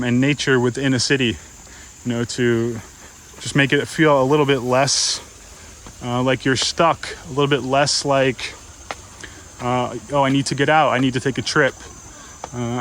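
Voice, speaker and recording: A man's voice: mid-range voice, fairly bright tone, slight background noise, rough recording. Young male travel vlogger, casual and rambling, walking a city park outdoors, handheld mic. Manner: rambling, musing, many fillers and restarts.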